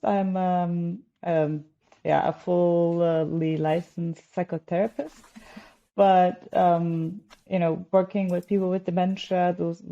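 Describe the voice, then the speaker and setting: Hesitant woman from Turkey, low, dark gravelly voice, muffled audio. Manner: hesitant, many fillers. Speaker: guest researcher. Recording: slightly dull audio.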